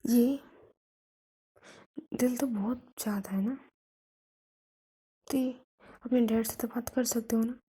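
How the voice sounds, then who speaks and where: A woman voicing a jealous, sharp-tongued young female student, scolding in a whisper as whispered role-play. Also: a little high, steady tone, slow pace, pauses often, husky, full character voice. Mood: demanding.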